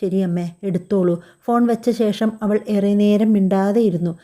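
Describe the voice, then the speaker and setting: Female storyteller, very dark mellow tone, calm even scripted narration. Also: mid-range voice, moderate pace. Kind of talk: scripted narration of a family drama.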